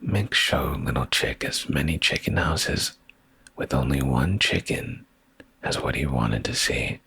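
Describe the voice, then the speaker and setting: Reading a bedtime story ASMR-style, a man speaks softly near the mic in a deep, gravelly, breathy voice that frequently becomes a whisper. He's animated yet drowsy and soothing, a little slow, with no room sound.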